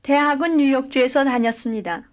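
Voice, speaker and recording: This dull lo-fi clip features a woman with a high voice reading whole model sentences for language practice. She moves briskly yet keeps each one careful and even.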